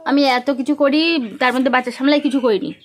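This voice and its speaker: A woman's voice: high voice, fairly even intonation, fairly quick. A woman vlogging casually at her village home with a West Bengal Bengali accent, chatting and playfully repeating words to her small daughter. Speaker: vlogger and mother. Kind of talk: casual home vlog chat.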